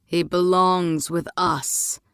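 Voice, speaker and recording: A woman's voice: lowish voice, takes it slowly, a little mellow, clean tone, no room sound, clean studio sound. A woman voicing a grave, stubborn old king. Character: stern aging male king, grave and stubborn.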